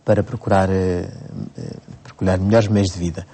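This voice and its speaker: A Cape Verdean priest in his forties answering interview questions at an unhurried pace, with frequent hesitations and restarts. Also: low-pitched, flat delivery, creaky, mellow. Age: 40s. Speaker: priest, bishop-elect.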